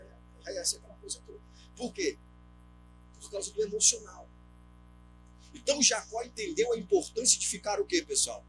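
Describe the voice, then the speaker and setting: A man's voice: high voice, vocal fry, poor audio. A male pastor with a Brazilian accent preaching a sermon, telling a story and asking the congregation rhetorical questions. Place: church. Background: soft guitar music.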